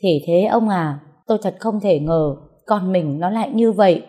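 A woman's voice: medium pitch, normal speed, dark tone, natural voice. A woman reading the lines of a worried, tearful older mother in a storybook tale. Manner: pleading, tearful. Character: worried old village mother.

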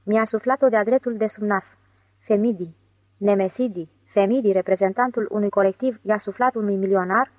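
A glib young swindler who talks his way around anyone, sarcastic one moment and wheedling the next, as a woman reading an audiobook puts him on. The voice sits at a middle pitch. It is dry and close, with no room around it. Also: darkish tone, no echo, natural voice. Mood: muttering angry. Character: scheming smooth-talking young male con man. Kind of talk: audiobook character voice.

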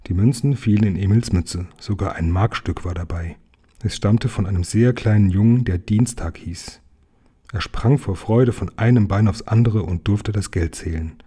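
Deep husky male audiobook narrator. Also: normal speed, warm tone. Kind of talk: audiobook reading.

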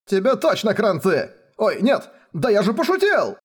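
A man doing a loud, whiny young mage. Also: high-pitched, huge pitch swings, moderate pace, slightly rough, pitched above the performer's own voice, heavily acted. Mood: yelling. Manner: shouting, exasperated outbursts.

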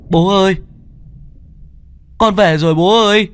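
A man voicing a demon disguised as a young son, talking in a high, whiny, pleading voice. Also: lively intonation, measured pace, long reverb tail. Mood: crying.

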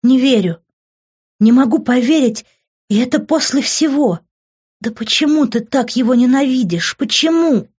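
A woman's voice: mid-range voice, normal speed, few pauses, mellow, dull audio, pitched above the performer's own voice, natural voice. Distressed middle-aged mother, read by a woman, exclaiming, audiobook. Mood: outraged. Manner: pleading, exclaiming.

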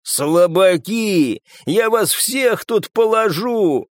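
A man voicing a brutal, berserk male fighter who roars his words slowly and drawn-out. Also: sits high, expressive, no echo, clean studio sound, voice pushed up, heavily acted. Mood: roaring. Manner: roaring, slow and drawn-out.

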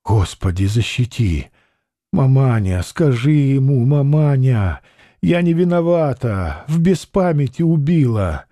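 A man's voice: medium pitch, expressive, takes it slowly, dark tone, no room sound, clean studio sound. A man voicing a desperate young peasant woman buried alive in an audiobook, speaking in a pleading, tearful way.

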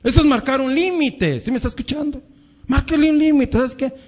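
A man's voice: extremely high pitch, fairly quick, muffled recording. A male pastor with a Mexican Spanish accent preaching to his congregation, calling them brothers and acting out quarrels between spouses. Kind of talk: sermon.

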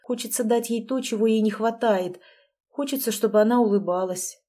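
A woman voicing a reserved, guarded grown man who speaks flatly and tersely. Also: a little high, normal speed, lightly acted. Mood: earnest. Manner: flat, terse.

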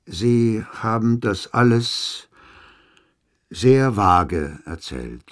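A sceptical, impatient man questions someone in a radio play. He speaks slowly at a middle pitch, with lively, pointed intonation that shows his bafflement. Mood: dry scepticism.

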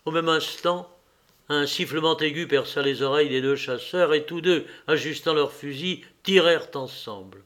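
Brief: male narrator, classic novel reading, measured and even, slightly high pitch. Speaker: audiobook reader.

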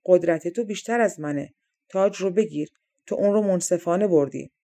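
Woman reading as a grousing, demanding storybook giant, mellow tone. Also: on the low side, natural voice. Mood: conceding. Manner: grumbling, demanding. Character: grumbling greedy male giant guarding a crown.

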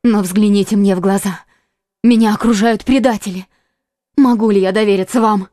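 A man voicing a frightened, desperate young queen in a trembling, pleading falsetto for a storybook audiobook. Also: fairly even intonation, moderate pace, mellow, dry recording, studio quality, lightly acted. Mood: anxious. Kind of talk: audiobook character voice.

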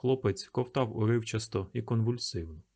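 A man reading a novel aloud in calm, measured audiobook narration. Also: lowish voice.

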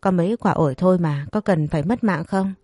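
A woman's voice: fairly low pitch, brisk, dark tone, dry recording, studio quality, lightly acted. A woman voicing a frightened young servant girl who pleads in a whiny way. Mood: wailing.

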